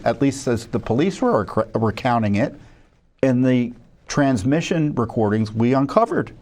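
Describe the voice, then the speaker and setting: Presenting records on behalf of a watchdog group, this American man gives news commentary to camera in a somewhat mellow voice on the high side. Part of it is read and part improvised, and he often stumbles and corrects himself casually.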